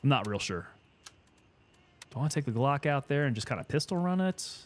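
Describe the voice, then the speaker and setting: A man's voice: mid-range voice, animated, fairly quick. A man giving casual gameplay commentary, thinking aloud and chatting with teammates as he plays. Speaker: gaming streamer.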